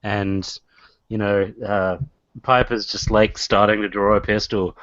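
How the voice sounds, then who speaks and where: A man's voice: lowish voice, flat delivery, measured pace, fairly bright tone, dry recording. A man playing a tabletop role-playing game, describing his character's actions in a rambling way with many fillers. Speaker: player. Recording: dry, dull lo-fi sound.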